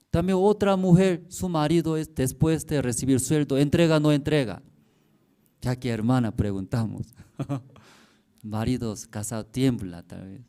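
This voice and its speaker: A man preaching as a pastor in simple, halting Spanish, telling stories and checking in with the congregation. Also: on the high side. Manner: tells stories, acting out dialogue with sudden loud outbursts. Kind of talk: sermon.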